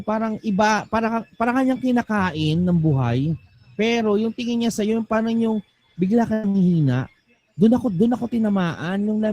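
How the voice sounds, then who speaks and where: A young man telling a ghost story live on stage, dropping to a hush and then jumping up in excitement, with English words mixed in. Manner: animated, swings between hushed low and excited high; mixes English into his telling. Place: live music venue.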